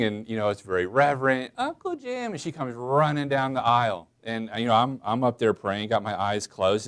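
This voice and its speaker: A man preaching a casual, chatty sermon in church, asking the congregation questions and filling pauses with "um" and "uh". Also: medium pitch, clear, resonant tone. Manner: folksy, chatty, many fillers, addresses listeners as y'all. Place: church sanctuary.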